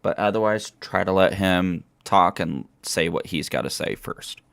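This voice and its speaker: A man's voice: low voice, a little slow, gravelly, fairly bright tone, clear, resonant tone, dry recording. A man hosting a casual gaming podcast over an online call, rambling with lots of fillers. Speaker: podcast host.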